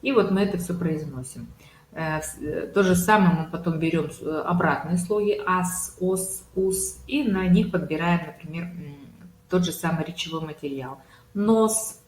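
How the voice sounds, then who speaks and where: A woman's voice: fairly low pitch, roomy sound, a little hiss or hum, poor audio. A woman speech therapist patiently explaining home speech exercises step by step, with many examples and filler sounds. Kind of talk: consultation talk on home exercises.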